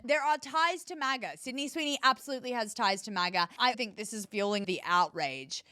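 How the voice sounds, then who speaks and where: A woman's voice: fairly high pitch, a bit bright, dry recording, clean studio sound. A woman hosting her own show, giving opinionated commentary with an emphatic, scornful tone and lots of rhetorical questions. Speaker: political commentary host.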